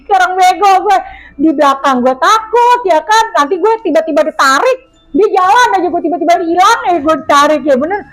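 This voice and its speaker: A woman, a guest who tells her story in an animated, slangy and dramatic way. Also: very high voice, a little fast. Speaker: guest telling a mystical experience. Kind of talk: casual storytelling chat.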